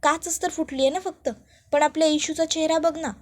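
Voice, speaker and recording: A young daughter, voiced by a woman narrator, coaxes her mother gently in a high voice. The delivery is soft and reassuring in this storytold serial. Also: steady tone, fairly quick, lightly acted. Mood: coaxing. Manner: gently coaxing.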